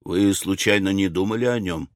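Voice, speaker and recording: A male audiobook reader voicing a scheming, level-headed young man who speaks in a low, measured, conspiratorial way. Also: no room sound, clean studio sound, lightly acted. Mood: coaxing. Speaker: audiobook character. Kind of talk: audiobook character reading.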